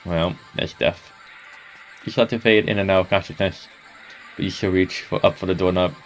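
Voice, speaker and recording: A man reading a horror text game aloud as a gaming host, saying the sound effects out loud as he goes. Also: sits low, steady tone, normal speed, faint music behind. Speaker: gaming YouTuber.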